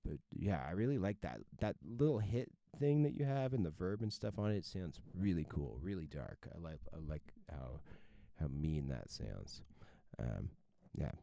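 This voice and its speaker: A man's voice: low-pitched, animated, normal speed, gravelly, mellow, dry recording. A man who produces music, giving loose, chatty feedback on a livestream. He swears now and then and stumbles over his words. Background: faint electronic music playing.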